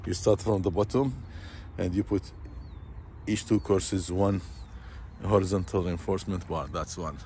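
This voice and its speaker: A man walking a construction site and explaining the work in plain, halting, repetitive phrases, recorded on a handheld phone outdoors. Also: sits low, mellow, slight background noise. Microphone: phone camera held by the speaker.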